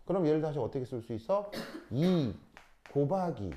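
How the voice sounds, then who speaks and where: A man teaching high school chemistry in a classroom lecture. His voice is warm and mellow, with lively pitch that rises and falls. He keeps stopping to ask whether students understand and has them repeat terms aloud. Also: moderate pace, a little hiss or hum. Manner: checks understanding often, drills pronunciation with students.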